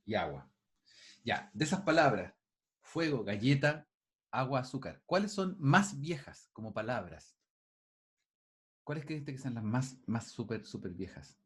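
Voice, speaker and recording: A man's voice: mid-range voice, big pitch swings, unhurried, long pauses. A male teacher giving an online class over a video call, thinking aloud with frequent restarts and putting questions to his students.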